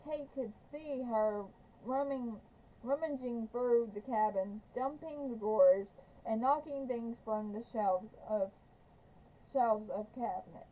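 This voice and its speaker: Slow, mellow woman reading a novel aloud. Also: fairly high pitch, low-quality recording. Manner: halting, often stumbling and correcting herself. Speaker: audiobook reader.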